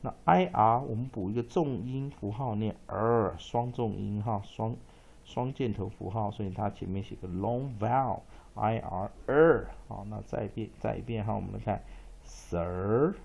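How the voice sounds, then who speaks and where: A man teaching English spelling and pronunciation, spelling words out letter by letter and repeating each one slowly. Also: on the low side, creaky, darkish tone, slightly rough. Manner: slow, drawn-out repetition of words and letters.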